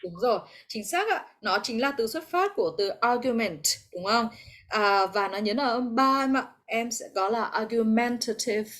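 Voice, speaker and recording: A woman English teacher with a Vietnamese accent leads an online class over a video call. Her voice sits fairly high. She explains step by step and encourages her students, mixing English terms into her explanations. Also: lively intonation, normal speed, a bit bright.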